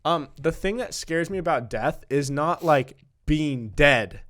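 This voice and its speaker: A man's voice: fairly high pitch, expressive, measured pace, fairly bright tone. A young man hosting a podcast in casual banter, rambling in slang and leaning on "like" and "dude". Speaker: podcast host.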